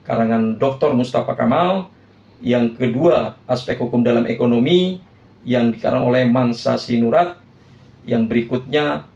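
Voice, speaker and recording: A male university lecturer reading a formal course overview, listing points one by one with hesitant filler pauses. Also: medium pitch, vocal fry, a little mellow, echoey room, muffled recording.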